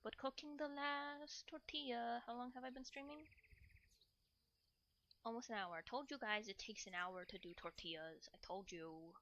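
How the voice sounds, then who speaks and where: Speaking at normal speed in a somewhat high, slightly bright voice, a woman chats with her livestream viewers while cooking. Her playful, rambling talk repeats short phrases and slides into cutesy broken grammar. The audio sounds dull, with a little hiss or hum.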